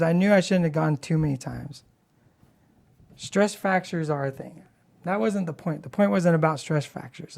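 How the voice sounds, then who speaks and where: A woman with a gravelly, slightly worn-out voice, hosting a livestream in casual, blunt, playfully sassy hobby chat. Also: deep voice, darkish tone. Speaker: livestream host.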